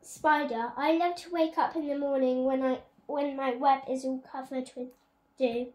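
A phone propped on a stand records a young girl on her bed reading a picture book aloud, with chatty comments along the way. Her high voice is steady in tone, fairly dark and moderately paced, and the bedroom echoes.

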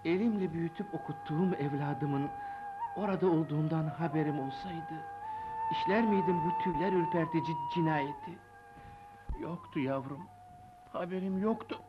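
A man's voice: on the high side, huge pitch swings, normal speed. An actor playing a remorseful older father who laments and blames himself in an old film drama. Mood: pleading. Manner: anguished, lamenting monologue. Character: remorseful older father, grieving and self-blaming. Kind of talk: 1950s film drama acting. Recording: dull old film soundtrack with music.

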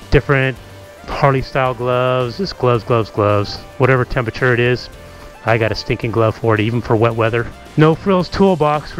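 A middle-aged motovlogger with a mid-range voice gives a relaxed, casual tour of his home garage. He talks through a helmet-mounted camera mic, with plenty of ums and asides.

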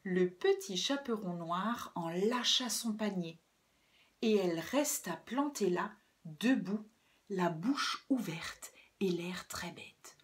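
A woman reading a children's story aloud as a storyteller, in an expressive, dramatic way. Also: medium pitch, slow pace.

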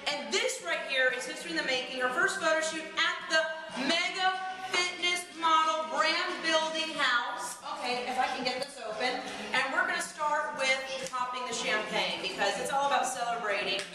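A woman's voice: sits high, moderate pace. A woman hosting a photo shoot in a large indoor studio, talking in an upbeat, promotional way and coaching poses. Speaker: host running a photo shoot. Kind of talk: casual promotional chat. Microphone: camera mic from a distance. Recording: echoey studio, far from mic.

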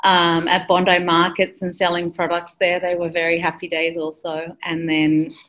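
A woman's voice: lowish voice, monotone, moderate pace, fairly bright tone, rough recording. A woman in her forties, an interior designer, talking enthusiastically and a little rambling in a video call interview from her office. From Australia. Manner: enthusiastic, rambling, laughs often. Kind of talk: casual interview chat. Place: busy office with coworkers behind her. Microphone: laptop webcam on a video call.

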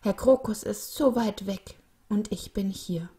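A woman's voice: medium pitch, a little slow, dark tone, pitched above the performer's own voice, natural voice. A tiny, fearful snowdrop flower, voiced by a woman storyteller, speaking in a raised, pleading voice. She sounds anxious and fragile, as if from a children's storybook. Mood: wistful. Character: frightened little female snowdrop flower.

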